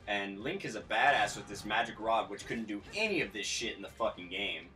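A man's voice: on the low side, expressive, brisk, pushed and bright. A young man casually commentating a video game while he plays, laid-back and profane, laughing often. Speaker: gameplay commentator. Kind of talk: casual let's-play chat. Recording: distant mic with game music.

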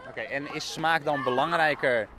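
A man's voice: fairly high pitch, normal speed, a crowd in the background. A young man doing a street interview outdoors with a handheld mic, asking probing, persistent questions. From Netherlands. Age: young adult. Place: busy town street outdoors. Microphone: handheld mic with fur windscreen. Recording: faint street noise.

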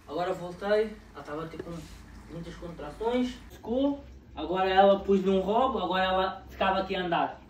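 A man, excitedly retelling a story with repetition and laughter. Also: high voice, normal speed. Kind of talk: animated storytelling. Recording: roomy, distant, noisy home recording.

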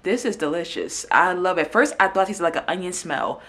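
Filming a laid-back, chatty food vlog in her home kitchen, a young woman speaks briskly in a fairly bright, expressive, lowish voice, using slang and thinking aloud. The handheld camera is at arm's length and picks up background noise.

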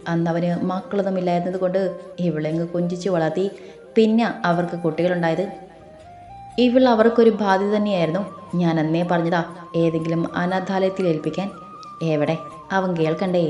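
A woman's voice: lowish voice, fairly even intonation, fairly quick, mellow, echoey room, faint music behind, natural voice. A woman voicing a scornful, greedy middle-aged uncle who insults his niece, in an audio story. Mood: sly. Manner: sneering, insulting.

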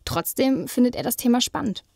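A young woman co-hosting a student podcast, reading smooth scripted links between the interviews. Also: fairly high pitch, sing-song, brisk, darkish tone, dry recording, clean studio sound. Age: young adult. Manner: smooth, read-from-script linking. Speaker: podcast co-host, journalism student.

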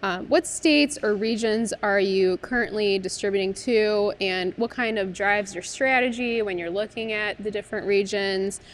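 A woman's voice: mid-range voice, moderate pace, hardly any pauses. A woman in her thirties interviewing a brewery guest in a barrel room, asking chatty questions with fillers. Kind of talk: business interview.

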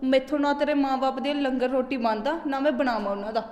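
An actress playing a resentful young pregnant wife who snaps and scolds defiantly. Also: female voice, sits high, steady tone, quick pace, darkish tone, reverberant, in a large hall, highs cut off, lightly acted. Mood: angry. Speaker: daughter-in-law.

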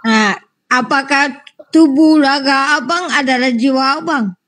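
A woman's voice: high voice, unhurried, a bit bright. A woman who teaches Sunday school, patiently explaining her faith through analogies in a religious debate.

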